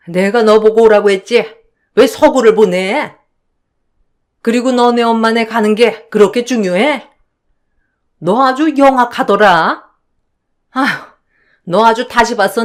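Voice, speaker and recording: A woman voicing a bossy, self-pitying middle-aged mother-in-law who yells and nags in a radio story. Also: on the high side, lightly acted. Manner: yelling, nagging, sighing.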